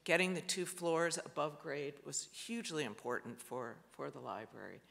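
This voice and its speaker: A man, an architect, presents slides at a panel in a fairly high, bright, gravelly voice. He's halting and hesitant, full of fillers and restarts, and the large auditorium leaves a long reverb tail.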